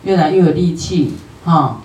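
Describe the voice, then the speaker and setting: A Buddhist teacher with a Taiwanese Mandarin accent gives a sutra lecture in a homely, chatty manner, dotting sentences with drawn-out particles. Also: mid-range voice, lively intonation, darkish tone. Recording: roomy hall, distant from the mic.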